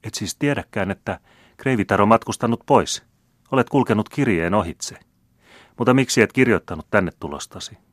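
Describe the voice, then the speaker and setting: A man's voice: fairly low pitch, dry recording, clean studio sound, pitched above the performer's own voice, natural voice. Man doing a proud, scheming noble son. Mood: feigned warmth. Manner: smooth, feigning, commanding.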